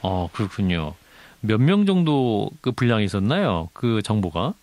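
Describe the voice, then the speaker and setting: A man's voice: on the low side, sing-song, normal speed, darkish tone. A man hosting a news radio interview in a polite, formal manner.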